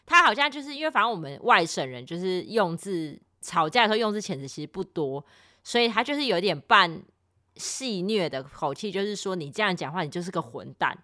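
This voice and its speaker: A woman's voice: medium pitch, fairly quick, dry recording, clean studio sound. A woman, co-hosting a podcast and chiming in casually with side comments. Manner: lively, chimes in with side comments. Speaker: podcast co-host.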